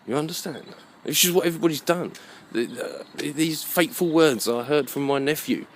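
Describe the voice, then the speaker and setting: This British vlogger's voice is a little high and his pace moderate, with slight background noise behind him. His monologue is rambling and opinionated, emphatic, and sprinkled with rhetorical questions and checks on the listener's understanding.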